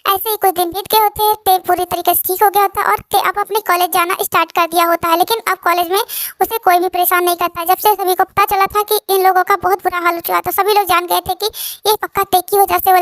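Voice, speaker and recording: A woman's voice: very high-pitched, flat delivery, fast talker, a bit bright, dry recording, clean studio sound. A woman casually narrating a love story, rambling and often restarting her sentences.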